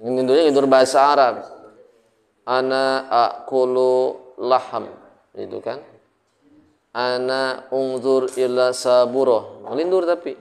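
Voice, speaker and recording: A man with an Indonesian accent teaching Arabic grammar in a casual classroom lesson, joking and often asking his students questions. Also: medium pitch.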